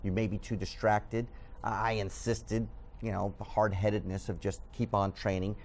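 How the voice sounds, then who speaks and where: A middle-aged Southern Californian man, a news editor whose first language is Spanish, speaks earnestly as a guest in a studio TV interview, using many fillers. His voice sits on the low side and is a little mellow, with flat delivery at normal speed. There's slight background noise.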